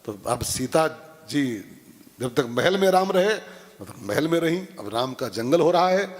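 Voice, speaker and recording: A man's voice: fairly high pitch, unhurried, big-room sound. A man preaching a devotional sermon, telling stories with acted-out quotes and often asking his audience "हाँ?". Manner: animated, acts out quotes, asks "हाँ?" to the audience. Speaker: preacher giving a religious discourse.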